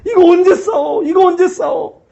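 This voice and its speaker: Pastor doing a sneery mocking devil, slow jeering taunts, high voice, muffled recording. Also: male voice, gravelly, mellow. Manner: taunting, drawn-out jeering questions.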